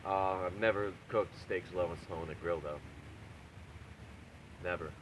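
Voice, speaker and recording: Crude, brash man rambling in low voice. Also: steady tone, a little slow, noisy background. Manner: crude, brash, repeating himself for emphasis. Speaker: video blogger and home cook. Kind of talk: profane, casual rambling rant to camera.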